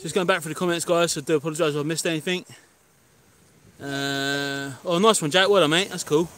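Chatty English dad fishing on the beach. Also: male voice, on the high side, steady tone, a little fast, fairly bright tone. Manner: chatty, matter-of-fact, talks to viewers. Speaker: fishing channel host. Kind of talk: casual live-stream chat. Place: pebble beach outdoors.

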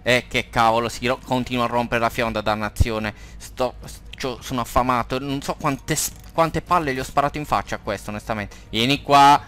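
A man with an Italian accent doing let's play commentary, excitable, swearing and yelling at the game. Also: mid-range voice, brisk, few pauses, smooth. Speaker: gameplay commentator.

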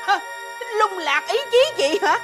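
A woman's voice: very high-pitched, measured pace, loud music behind the voice. A woman with a Southern Vietnamese accent playing a big, proud, hot-tempered neighbor in a stage comedy sketch, bossy and quarrelsome. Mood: smug. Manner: bossy, quarrelsome, rattles off rhyming curses.

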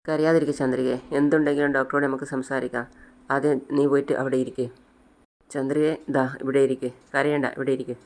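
A man's voice: mid-range voice, little pitch movement, fast, natural voice. A man voicing an earnest male guardian anxious about a sick child. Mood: comforting.

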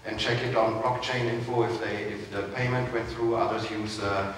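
A man's voice: lowish voice, normal speed, a crowd in the background. Man on an echoey stage. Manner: animated, gesturing, relaxed and chatty. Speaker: conference speaker. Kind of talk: panel talk answering questions. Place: conference stage, seated in a large hall. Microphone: headset mic. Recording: echoey hall from far off, noisy.

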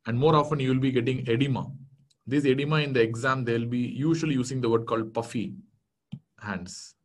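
In a small room, a Tamil-speaking man in his thirties with an Indian English accent delivers an online exam-prep lecture on medicine. He explains things conversationally, with many fillers and frequent self-corrections, in a fairly quick, mid-range voice.

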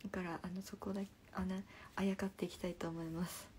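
A young woman hosting a casual live stream, chatting through viewers' comments and often dropping into a soft half-whisper, speaking into a phone. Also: lowish voice, level tone, quick pace, a little hiss or hum. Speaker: livestream host.

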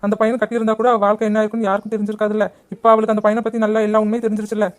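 A woman voicing a cheeky, bossy young village woman in a cartoon, brash and rapid-fire. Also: medium pitch, completely flat delivery, natural voice. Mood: consoling. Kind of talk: cartoon voice acting.

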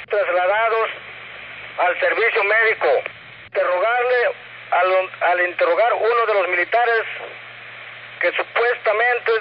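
A man dictating an incident report over a two-way radio as a police officer, haltingly and repeating phrases. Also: high voice. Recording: dull, noisy two-way radio transmission.

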